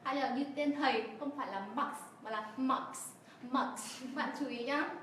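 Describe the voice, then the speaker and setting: High-voiced female co-host recapping tips. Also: normal speed, a bit bright. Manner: explanatory, teacher-like, with fillers. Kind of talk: recap explanation for learners. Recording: very echoey room, distant mic, faint noise.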